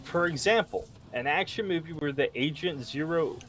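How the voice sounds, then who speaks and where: A man's voice: fairly high pitch, moderate pace, a bit bright. Rambling man reading his notes. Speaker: podcast co-host. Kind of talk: casual chat.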